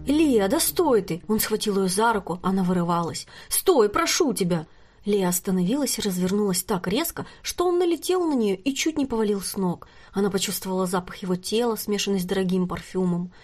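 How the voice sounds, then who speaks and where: A woman narrating a novel chapter in a steady, even audiobook reading. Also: medium pitch, fast talker, hardly any pauses.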